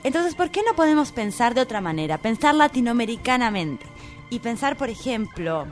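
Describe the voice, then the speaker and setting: High-voiced woman with a playful radio column. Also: big pitch swings, fairly quick, soft background music. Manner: playful, impassioned campaigning tone. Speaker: radio co-host with a comedic column. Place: radio studio.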